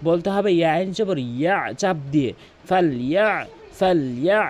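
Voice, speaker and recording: A man with a high voice gives a recitation lesson. He explains each sound plainly, then chants the phrases slowly and stretches them out at a higher pitch. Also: lively intonation, a little mellow. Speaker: Quran recitation teacher. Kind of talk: tutorial on Arabic pronunciation.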